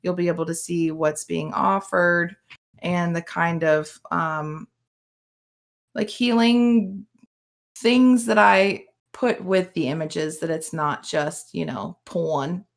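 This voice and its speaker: A tired young woman, a podcast guest, talking haltingly in a late-night chat and searching for words. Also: fairly low pitch, vocal fry.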